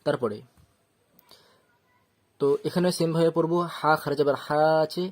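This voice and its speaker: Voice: medium pitch, moderate pace, a little mellow. A Quran reading teacher gives an online lesson in a patient, step-by-step way. When reciting, the teacher holds each letter sound long and drawn out. The teacher then returns to plain explanation.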